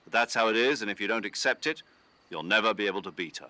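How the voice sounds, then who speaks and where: Stern army major in game drama, fairly low crisp-edged voice, firm authoritative briefings. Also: male voice, fast, sharp tone, dry recording. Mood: firm, urging. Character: stern older military commander, firm and urgent. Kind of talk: dramatic video game dialogue.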